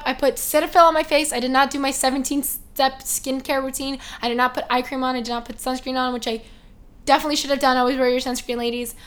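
A woman's voice: high-pitched, fairly bright tone. A young woman co-hosting a podcast in casual chat, chatty and self-mocking. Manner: chatty, self-mocking, acts out quoted voices. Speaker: podcast co-host.

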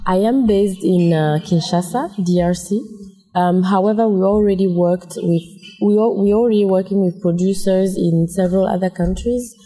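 A woman answering interview questions in a measured, hesitant way. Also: mid-range voice, steady tone, dark tone. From Togo, raised in Africa and Europe. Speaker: interviewed brand co-founder. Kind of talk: conference interview. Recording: echoey hall, music behind.

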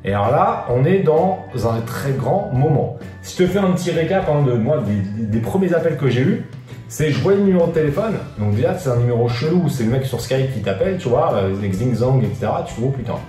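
Speaking fairly quickly with lively intonation, a man with a warm, mid-range voice gives business advice to the viewer. He's an online business coach whose style is slangy, informal, filler-heavy, and uses "tu." The casual direct-to-camera clip was recorded in an echoey room with faint guitar in the background.

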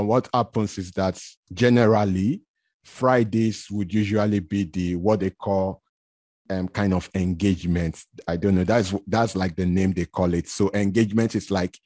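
A man hosting an interview, asking questions in a relaxed, chatty way. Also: fairly low pitch, measured pace, dry recording. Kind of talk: casual conversational interview.

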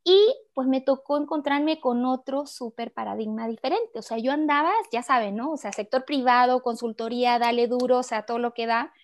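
A woman, the guest of an interview, telling a work story in an animated, chatty way full of little fillers. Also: fairly high pitch, brisk, hardly any pauses. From Chile. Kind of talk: conversational storytelling.

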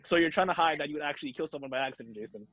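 Husky young man protesting. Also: on the high side, very fast, a bit bright, no room sound, low-quality recording. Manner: defensive, protests and argues back. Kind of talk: casual group banter.

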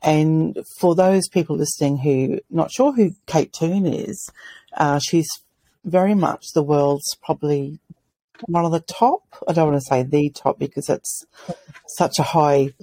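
A woman's voice: deep voice, a little slow, mellow. A woman in her fifties hosting a podcast, playful and gushing as she teases and introduces her guest. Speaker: podcast host. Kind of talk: casual interview chat.

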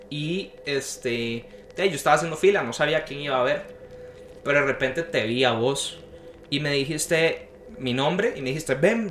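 Young adult male storyteller, animated, acts out quoted voices, slightly high voice. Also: slight background noise. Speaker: podcast guest telling a story. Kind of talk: casual storytelling chat. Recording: roomy echo.

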